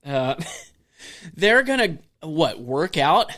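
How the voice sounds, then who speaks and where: A man with a somewhat high voice hosts a podcast. He recaps a movie in loose, rambling casual chat and swears freely along the way. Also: very animated, very slow, pushed and bright. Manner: rambling, laid-back storytelling with casual swearing. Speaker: podcast host.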